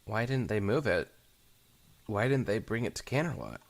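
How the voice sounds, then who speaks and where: A man's voice: lowish voice, expressive, moderate pace, gravelly. A man voicing a curious, earnest young female pony princess in a plain, questioning read.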